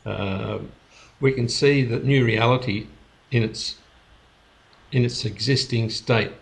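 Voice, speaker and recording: A man hosting a spiritual gathering over a video call, speaking in an unhurried, halting way with restarts. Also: medium pitch, gravelly. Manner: unhurried, halting, with many restarts and soft laughs. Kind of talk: casual reflective talk on a video call.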